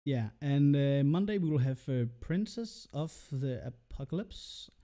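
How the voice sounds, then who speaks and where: A man's voice: medium pitch, lively intonation, unhurried, mellow. A man hosting a tabletop game stream as game master, talking loosely, swearing and laughing a lot. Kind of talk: casual stream intro.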